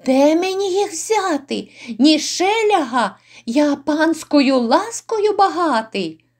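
A woman's voice: sits high, big pitch swings, takes it slowly, darkish tone, pitched above the performer's own voice, full character voice. Woman doing a wailing, frightened old innkeeper. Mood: pleading. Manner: pleading, wailing.

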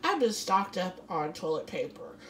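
A woman's voice: fairly low pitch, big pitch swings, normal speed, a bit bright, a little hiss or hum, low-quality recording. Chatty woman rambling over a grocery haul. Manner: chatty, rambling, laughs often, many fillers. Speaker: vlogger. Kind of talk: casual grocery haul vlog. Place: home kitchen.

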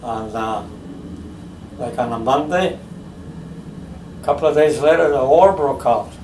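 In a family oral history interview, an older American-born man sits in a living room recliner and slowly recounts his childhood, pausing haltingly as he searches for details. His voice is medium-pitched and darkish. A camera mic across the room gives a roomy, distant home-video sound with slight background noise.

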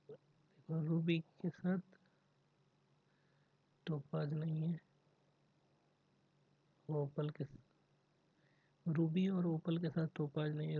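A man works through mock test puzzles as a tutor, reading each question slowly before rattling off the steps in Hindi. His voice is husky and flat in pitch. The sound is dry and narrow, like a phone line. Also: no echo. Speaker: exam prep tutor. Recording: dry tinny phone-like audio.

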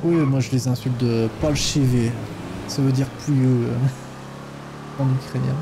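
A male streamer in relaxed, chatty casual commentary over his game. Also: mid-range voice, a little slow, gravelly, noisy background. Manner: relaxed, chatty, laughs often.

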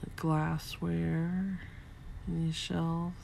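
Low, slow, gravelly woman vlogger. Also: level tone, a little hiss or hum. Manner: softly marveling, drops to whispers. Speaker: vlogger and reseller. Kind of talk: casual shop-along narration. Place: cluttered indoor antique store.

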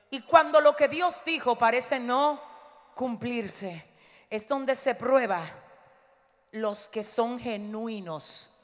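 A woman pastor giving a fiery sermon, dropping to a hush and then shouting, urging the congregation to repeat her lines. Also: a little high. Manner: swings from hushed to shouting, urges the crowd to repeat lines. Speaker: guest pastor. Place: large church hall. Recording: long reverb of a big hall.

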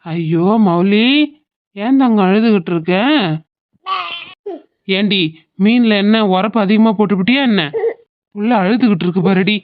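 A woman playing a soft patient cartoon dad, coaxing, southern Tamil Nadu accent, tinny phone-like sound. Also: medium pitch, measured pace, pauses often, natural voice. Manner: coaxing, calm lecturing. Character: gentle indulgent father, patient and soothing.

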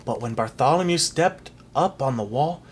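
A reader narrating a storybook aloud for a child in an expressive, animated way. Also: mid-range voice, normal speed, a little hiss or hum.

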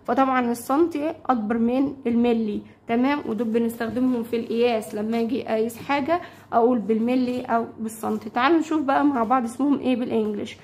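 A woman teacher with an Egyptian Arabic accent, explaining English words to young pupils, repeating them slowly and checking often that they follow. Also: a little high, fairly even intonation, a little mellow, a little hiss or hum. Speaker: primary school English teacher. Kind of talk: classroom lesson explaining vocabulary.

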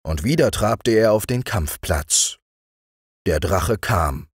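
Slow expressive male fairy-tale reader. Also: fairly low pitch, husky, no echo, clean studio sound. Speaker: audiobook reader. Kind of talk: bedtime fairy-tale narration.

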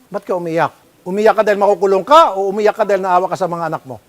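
A man's voice: high voice, fairly even intonation, fast talker, fairly bright tone. A man with a Filipino accent hosting a public-service show, questioning people sternly and scolding them. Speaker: host. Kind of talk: confrontational public-service broadcast.

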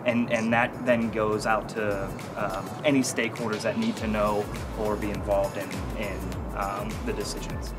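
A man's voice: fairly low pitch, flat delivery, moderate pace, hardly any pauses, loud music behind the voice. A man in his thirties, a guest consultant, explaining his work in an outdoor interview with many fillers and restarts. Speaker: consulting team lead, guest. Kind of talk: corporate interview. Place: outdoor stone bench in an urban courtyard. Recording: outdoor city noise behind.

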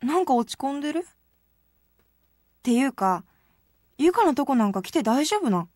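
A woman's voice: high-pitched, very animated, moderate pace, a little mellow. An actress voicing a blunt, teasing young idol girl in a dating game, speaking with a Kansai accent.

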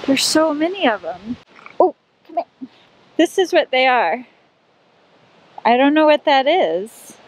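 A woman's voice: high voice, animated, slow, pauses often. Woman vlogging outdoors, noisy background. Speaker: travel vlogger. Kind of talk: casual vlog chat to camera. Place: outdoors in a campground. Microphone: camera at arm's length. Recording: outdoor camera audio with clear background noise.

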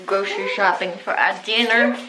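A young mother vlogs casually for her family channel, holding the camera at arm's length as she moves between home, a car and a busy restaurant. Her voice is medium-pitched and steady, a little fast, with background noise around her.

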